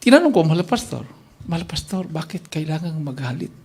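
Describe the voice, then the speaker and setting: Animated Filipino preacher telling a story. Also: male voice, a little fast, husky. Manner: animated storyteller acting out quoted voices, pitch leaping up in exclamations. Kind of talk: sermon testimony storytelling.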